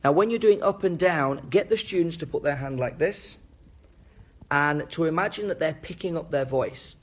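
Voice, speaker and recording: A man's voice: on the high side, normal speed. A man giving an enthusiastic video lesson on intonation, demonstrating rising and falling tones with his own voice. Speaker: teacher trainer.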